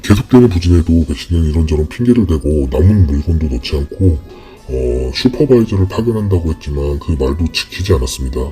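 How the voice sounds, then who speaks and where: An anonymous interviewee whose voice is disguised with a deep pitch-shift effect, reading a formal, measured account with frequent hesitant fillers. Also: expressive, warm tone, faint music behind. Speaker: anonymous fraud victim interviewee.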